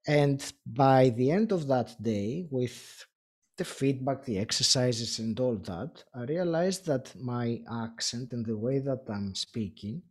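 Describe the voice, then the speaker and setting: A man from Greece, Greek his first language, speaking English with a Greek accent as a podcast interview guest, thoughtful with frequent pauses. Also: mid-range voice, expressive. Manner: thoughtful, many filler pauses, laughs lightly. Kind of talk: casual interview.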